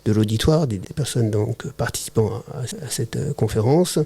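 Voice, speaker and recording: A man with a soft, mellow tone and mid-range pitch, talking as a guest on an interview podcast. He speaks in a halting, searching way, pausing on fillers and restarting phrases. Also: expressive, creaky, husky. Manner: hesitant, halting, many fillers. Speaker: podcast guest, teacher-researcher. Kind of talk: casual conversational interview.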